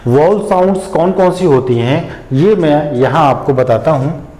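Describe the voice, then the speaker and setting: A man teaching English pronunciation, patiently explaining step by step and repeating example words slowly. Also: fairly high pitch, warm tone. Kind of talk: explanatory lesson. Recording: echoey room.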